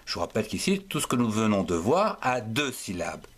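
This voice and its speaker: A man's voice: fairly low pitch, sing-song, a little fast, breathy edge. A man with a French accent teaching handwriting, spelling out words letter by letter and sounding out each syllable. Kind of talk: slow spelled-out handwriting lesson.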